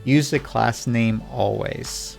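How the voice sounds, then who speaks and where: Gravelly-voiced male coding instructor. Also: mid-range voice, slow, a little mellow, faint music behind. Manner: patient, Socratic questioning. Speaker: programming instructor. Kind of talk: scripted coding lesson dialogue.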